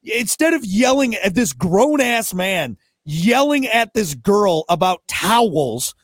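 A man's voice: sits high, takes it slowly, dry recording. A man co-hosting a podcast, ranting and telling stories in casual banter. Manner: ranting, animated storyteller. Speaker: podcast co-host. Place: podcast studio.

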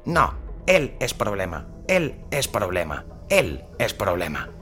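A man's voice: fairly low pitch, wildly swooping pitch, slow, fairly bright tone, faint music behind, voice pushed up, exaggerated voice. A man voicing a caged talking eagle that repeats each phrase three times, in a storybook reading. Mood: cryptic.

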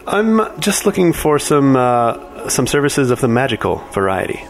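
A man's voice: medium pitch, big pitch swings, moderate pace, faint music behind. Man playing a hesitant, overly polite adventurer. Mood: polite, evasive. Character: polite, evasive male adventurer seeking temple favors.

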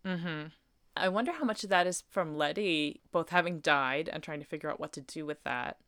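A young adult woman co-hosting a casual TV recap chat, animated and joking as she talks through scenes. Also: low voice, moderate pace, clean tone, no room sound, studio quality. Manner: animated, shouts quoted lines, self-deprecating jokes.

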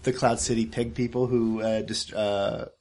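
A man's voice: fairly low pitch, little pitch movement, moderate pace, darkish tone, a little hiss or hum. A man chatting casually as a tabletop player, explaining things in a wry way. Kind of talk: casual chat, character introduction.

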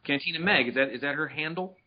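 A man's voice: fairly high pitch, fast talker. A middle-aged man chats casually on a podcast, playful and talkative. He slips into little voices to act out his pets. The sound is slightly dull and lo-fi. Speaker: podcast co-host. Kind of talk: casual chat.

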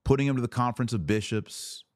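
A podcast host delivers opinionated religious commentary in a preaching style, emphatic and peppered with rhetorical questions and sarcastic asides. His voice is mid-range and quick, captured in clean studio sound with no room noise.

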